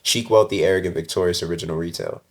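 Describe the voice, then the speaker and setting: Deep-voiced man telling stories, full of fillers. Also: quick pace. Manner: relaxed storytelling, many "like" fillers, laughs often. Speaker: fashion designer guest. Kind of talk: casual interview chat.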